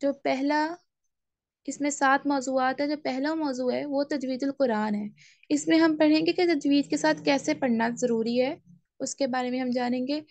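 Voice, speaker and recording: High-voiced woman teaching a Quran class. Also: steady tone, a little mellow, no echo. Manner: slow, careful recitation of Arabic phrases; explains step by step, asks class to raise hands. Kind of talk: online class lesson.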